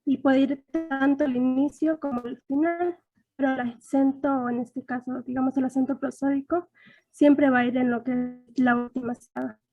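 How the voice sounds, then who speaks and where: A woman's voice: high voice, level tone, normal speed, muffled recording, faint music behind. A young woman student presenting a lesson topic to her class, reading prepared points with some hesitation.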